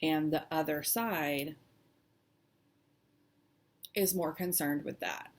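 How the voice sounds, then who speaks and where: Woman, low pitch, slow pace, halting delivery, shaky and tearful edge, casual personal vlog chat. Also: slight background noise. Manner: halting, hesitant, with long pauses. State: shaky, close to tears. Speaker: cross-stitch vlog host.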